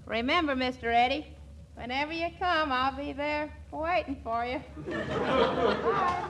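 Naive, lovestruck country girl, rural American accent, high voice, folksy and eager, old comedy recording with some noise. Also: measured pace, a bit bright, a faint crowd. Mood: shy, eager. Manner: gushing, folksy, hesitant. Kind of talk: old-time comedy acting. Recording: noisy old comedy soundtrack.

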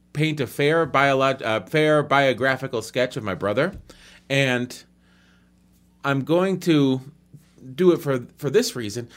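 A man of ordinary pitch talking casually about a film with a friend. He tells it with energy and slips into other people's voices when he quotes them. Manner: animated, acts out quoted people. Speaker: co-host discussing a film. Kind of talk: casual chat.

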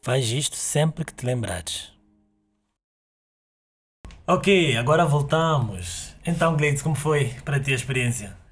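A man hosting a guided meditation, in a soothing, unhurried and instructional way. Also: mid-range voice, lively intonation, slightly rough, soft background music. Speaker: host guiding a meditation.

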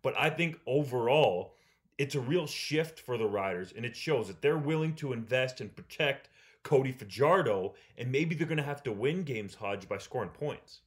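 A male co-host breaking down a sports topic in a casual, measured way. His voice sits at a middle pitch. He talks like an analyst laying out his points. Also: animated.

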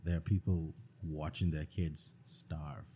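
A man's voice: extremely low pitch, little pitch movement, slow, warm tone, slight background noise. A Bahamian man, a podcast guest, talking bluntly and earnestly in a casual discussion, often repeating himself.

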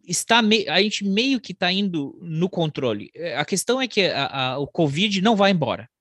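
A man's voice: high voice, very animated, fairly bright tone, dry recording. A man talking casually about politics and the year ahead, stopping and restarting his sentences often. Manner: halting, many restarts and repeated words. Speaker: podcast co-host.

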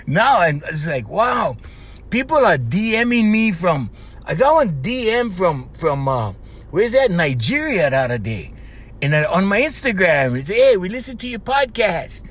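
Hawaiian pidgin guy hosting a podcast, high voice that bounces all over, laughs a lot. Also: normal speed, slightly rough. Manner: animated, laughing, repeats himself. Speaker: podcast host. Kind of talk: casual chat.

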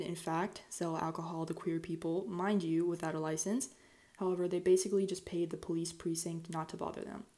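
A woman's voice: lowish voice, warm tone. A woman hosting a podcast, narrating history in a conversational, semi-scripted way with informal asides, recorded in a bathroom on an earphone mic. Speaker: podcast host. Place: small bathroom, indoors. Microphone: earphone headset microphone.

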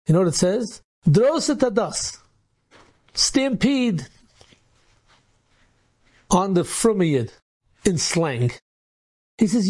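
A man, a rabbi, telling an inspirational story and acting out the dialogue with energy. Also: high voice. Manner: animated, acts out dialogue in quotes.

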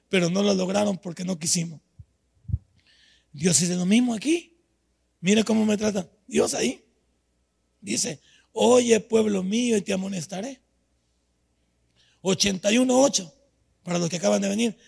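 Gravelly older male preacher. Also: high-pitched. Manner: storytelling, swings from quiet to shouting. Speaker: pastor. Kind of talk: sermon.

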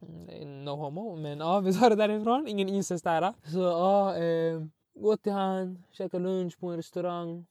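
Young man, high voice, slangy animated storytelling, dry close sound. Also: few pauses, dry recording. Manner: slangy, animated, many fillers, acts out voices. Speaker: podcast co-host, storyteller. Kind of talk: casual storytelling chat.

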